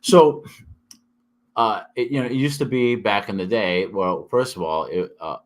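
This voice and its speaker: A man talking casually as a vlog host, rambling and halting, his speech thick as if his tongue and mouth are swollen. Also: lowish voice. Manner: halting, with repeated false starts and long hesitations. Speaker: YouTube host and independent author. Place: kitchen.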